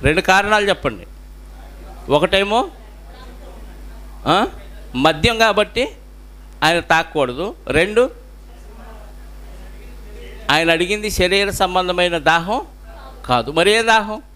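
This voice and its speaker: Male pastor with a Telugu accent, higher voice, preaching and asking the congregation questions. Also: lively intonation, slow, pauses often, sharp tone. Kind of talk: sermon.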